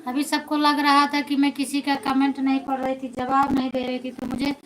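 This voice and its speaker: High-voiced Awadhi woman chatting on a live stream. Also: monotone, fairly quick, a little hiss or hum, poor audio. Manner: chatty, answers viewers by name, apologetic and reassuring. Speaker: folk singer hosting a live stream. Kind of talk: casual live-stream chat with viewers.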